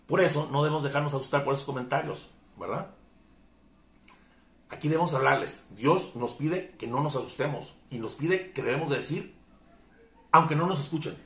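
Fervent preacher in an echoey room. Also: male voice, fairly high pitch, expressive, normal speed. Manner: fervent, emphatic preaching with dramatic swings in loudness. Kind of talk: sermon.

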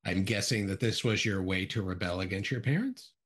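A man's voice: low voice, a little fast, a bit bright. A man hosting a podcast, asking short, plain questions of his guests. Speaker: podcast host. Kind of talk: interview questions.

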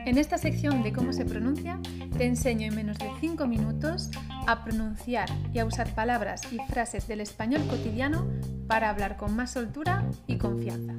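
A woman's voice: on the high side, animated, normal speed, loud music behind the voice. A woman teaching pronunciation on a podcast, speaking carefully and repeating each syllable for practice.

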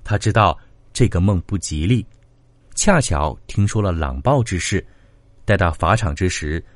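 Lively low-voiced male storyteller. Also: no room sound. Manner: expressive, swinging pitch for drama. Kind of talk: dramatic narration of classic ghost tales.

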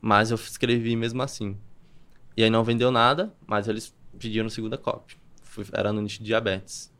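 Fast-talking young man. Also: fairly low pitch. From Campina Grande, Paraíba, Brazil. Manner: rapid, animated storyteller who acts out quoted dialogue. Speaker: podcast guest, copywriter. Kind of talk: casual storytelling on a podcast.

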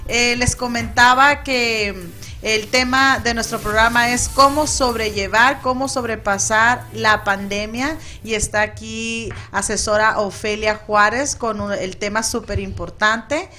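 A woman's voice: fairly high pitch, fairly even intonation, a little slow, bright, forceful tone. A woman hosting a radio talk show, conversational and full of fillers.

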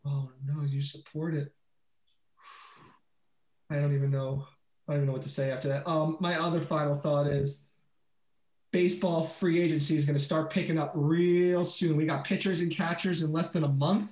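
Man co-host, ribbing friends about sports, lively delivery, roomy echo. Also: on the high side. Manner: teasing, quick and animated. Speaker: podcast co-host. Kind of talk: casual sports chat.

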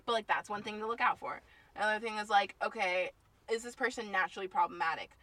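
Fast, bright-voiced young woman telling a story. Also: mid-range voice, no echo. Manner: rambling storyteller, heavy use of "like". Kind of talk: casual chat.

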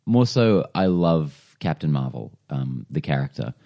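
A man with a very deep, dark voice chats on a casual film podcast. He talks like a keen comics fan, laughing often and swearing casually. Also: big pitch swings, measured pace. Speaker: podcast co-host. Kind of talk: casual chat.

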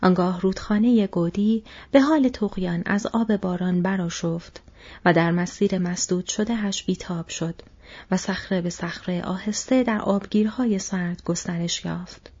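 A woman reading an audiobook in hushed, half-whispered narration, in a dull lo-fi recording. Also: lowish voice, breathy edge. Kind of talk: scripted narration.

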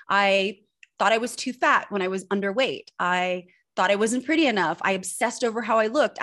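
In a mid-range, slightly bright voice, a personal branding expert recounts her life as an interview guest, sounding earnest and confessional. She is a middle-aged woman from Switzerland who grew up in Northern California.

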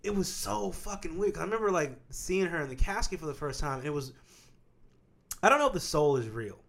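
Profane, joking man with a slightly high voice. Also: lively intonation, brisk, vocal fry, a bit bright. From Kansas. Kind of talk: casual comedic storytelling.

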